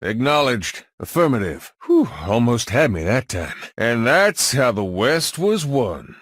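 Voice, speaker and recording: A cocky gunslinger in a video game. He, slow laconic timing and lively inflection, recorded dry. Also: medium pitch, dry recording. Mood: cool swagger. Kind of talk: video game character voice lines.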